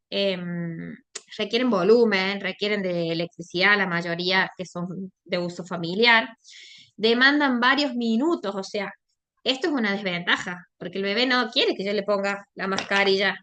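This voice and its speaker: A woman's voice: mid-range voice, unhurried, sharp tone. A woman giving a lecture, explaining in a conversational way and often checking in with her class. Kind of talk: online lecture.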